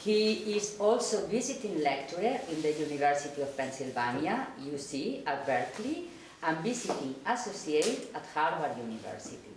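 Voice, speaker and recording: A middle-aged woman from Spain, introducing a lecturer, speaking hesitant, halting English. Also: sits low, big pitch swings. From Spain (Barcelona, Catalonia). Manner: hesitant, warm, halting non-native phrasing. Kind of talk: public introduction, partly read aloud. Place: lecture hall. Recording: echoey lecture hall with background noise.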